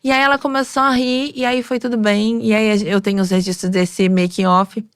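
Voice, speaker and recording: Woman, makeup artist, animated interview storyteller, dry close sound. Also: medium pitch, a little fast, clear, resonant tone, no room sound. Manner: animated storytelling, acting out quoted voices.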